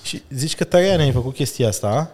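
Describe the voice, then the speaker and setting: A man hosting a podcast, asking relaxed questions and giving short replies in between. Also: mid-range voice, crowd noise. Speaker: podcast host. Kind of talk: casual interview.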